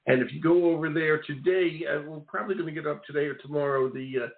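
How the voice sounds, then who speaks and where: A man's voice: a little high, fast talker. An older man hosting a radio education talk show, chatting casually and rambling in a loose, friendly way. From Maine. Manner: chatty, rambling, laughs easily. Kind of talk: casual radio interview chat. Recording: tinny phone-line audio.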